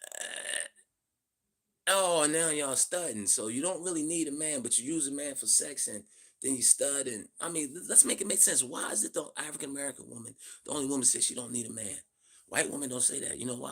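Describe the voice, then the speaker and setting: A man's voice: medium pitch, creaky, fairly bright tone, husky. A man in his fifties hosting a live stream, delivering a blunt, profane, preachy rant and greeting viewers in the chat. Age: 50s. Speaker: livestream host. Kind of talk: livestream monologue.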